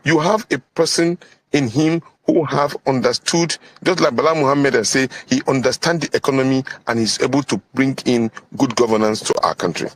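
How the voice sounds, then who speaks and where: A man's voice: mid-range voice, a little fast. A man speaking earnestly in an online discussion. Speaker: panel speaker. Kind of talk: informal political talk.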